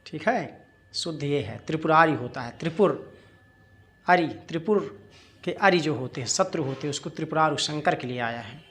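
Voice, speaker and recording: A man teaching Hindi spelling in a lesson, who asks his own questions, answers them, and repeats the words slowly. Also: a little high, slight background noise.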